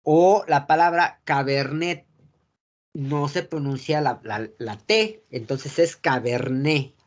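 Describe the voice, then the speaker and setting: A man's voice: fairly high pitch, expressive, slow. Mexican male teacher, dull recording. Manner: keeps checking the class follows, asking "sale?"; frequent filler "este" and restarts. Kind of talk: classroom lecture. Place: classroom with a board.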